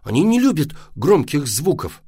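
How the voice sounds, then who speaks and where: A man voicing an eager, earnest little boy who is excited and curious. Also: a little high, moderate pace, pitched above the performer's own voice.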